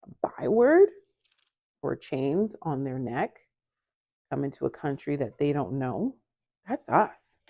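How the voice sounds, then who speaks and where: A woman in a home kitchen telling a story while baking, talking casually to the camera in front of her, lively, acting out quoted voices with jumps in pitch. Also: slow pace, gravelly, long pauses, no room sound. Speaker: vlogger.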